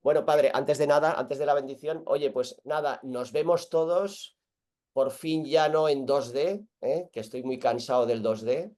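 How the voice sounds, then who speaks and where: A man with an accent from Spain hosting an online group call, chatting informally in a halting, self-correcting way. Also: mid-range voice, darkish tone. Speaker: host of an online group meeting. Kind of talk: casual chat.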